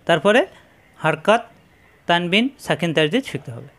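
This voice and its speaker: A man with a fairly high voice and a Bangladeshi Bengali accent leads a pronunciation lesson. He chants short syllables over and over, slow and deliberate like a patient teacher drilling a class. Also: big pitch swings, a bit bright. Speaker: Quran reading teacher.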